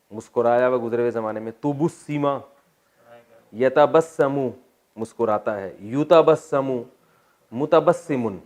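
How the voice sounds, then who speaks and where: A man with a Pakistani accent teaches a classroom lecture on Arabic grammar for the Quran. He spells out word forms slowly and deliberately, then slips into quick, joking asides to his students. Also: medium pitch. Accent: Pakistani Urdu. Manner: jokes with students.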